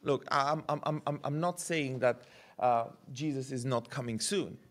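A pastor in his thirties delivers a sermon at a podium mic in a church hall with a curtained stage. He is animated and gestures as he speaks, often repeating words to build his point. His voice sits in the mid range, and he takes his time.

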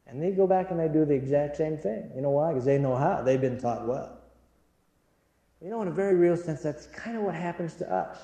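A man with a slightly high voice and dark tone gives an earnest, inspirational church talk, telling stories and speaking directly to his audience. The hall is echoey, with long reverb.

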